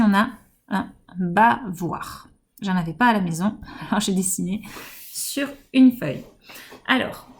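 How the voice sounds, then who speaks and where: A woman teaching home-school phonics to young kids speaks with a French accent in a fairly high, creaky voice, with slight background noise. As their kindergarten teacher, she speaks slowly, enunciating each word and encouraging them gently.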